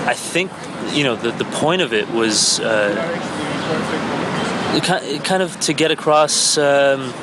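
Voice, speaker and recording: A man's voice: medium pitch, takes it slowly. Thoughtful man over heavy noise. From Iran, raised in Canada. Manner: thoughtful, hesitant, many fillers and restarts. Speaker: guest. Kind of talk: casual conversation.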